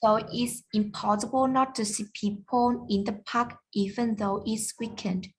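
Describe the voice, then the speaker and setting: Vietnamese woman student, slow careful English answers, faint background noise. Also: mid-range voice, steady tone, low-quality recording. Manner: careful, with hesitant fillers. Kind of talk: answering speaking practice questions.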